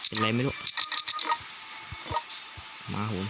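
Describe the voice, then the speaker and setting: A young man casually commentating a strategy game, excitable and swearing at times. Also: slow pace. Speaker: gaming YouTuber. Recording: loud background noise.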